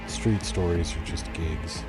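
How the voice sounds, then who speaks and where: A man's voice: low-pitched, steady tone, slow pace, loud music behind the voice. A man casually commenting on a game he is streaming, loose and chatty with some swearing. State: hiccups.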